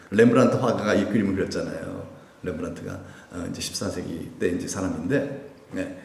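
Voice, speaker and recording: The sound is that of an echoey church hall with lengthy reverb, where a pastor gives a Sunday sermon in the sanctuary. His voice is of medium pitch and dark in tone, and he addresses questions to the people in the pews.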